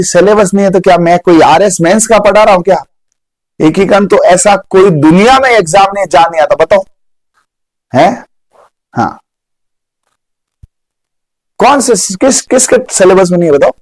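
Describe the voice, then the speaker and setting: A man's voice: high-pitched, a little slow, pauses often, no echo, rough recording. A young man teaching a live online exam-prep class, joking and answering viewers' comments as he drills memory tricks. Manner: animated, jokey, chats with viewers' comments.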